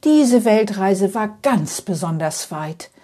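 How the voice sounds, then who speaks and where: A woman voicing a tired, easygoing woman just home from a long journey, musing slowly and drowsily to herself. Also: medium pitch, animated, mellow. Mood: drowsy musing.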